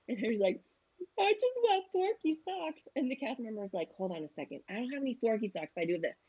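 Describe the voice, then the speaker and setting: Speaking at a medium pitch, this husky, slightly mellow woman is a travel agent guest in her thirties. She's a chatty storyteller in a casual conversation, acting out quotes along the way, and the audio has its highs cut off.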